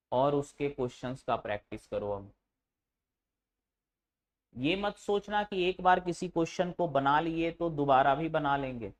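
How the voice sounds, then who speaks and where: A man with a fairly high-pitched voice teaches a class, posing questions to his students, answering them himself, and teasing them from time to time.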